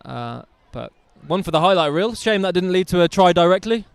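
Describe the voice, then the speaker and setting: A man's voice: sits high, lively intonation, a little fast, gravelly, clean tone, no echo. A man doing live rugby commentary outdoors, chatty and enthusiastic with jokey asides.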